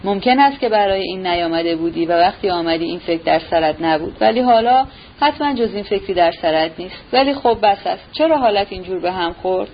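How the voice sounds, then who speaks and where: A woman's voice: medium pitch, lively intonation, lightly acted. Bitter jealous young guy, a woman reading his lines, sarcastic, dull recording, light hiss. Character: brooding jealous young man, harsh and bitter.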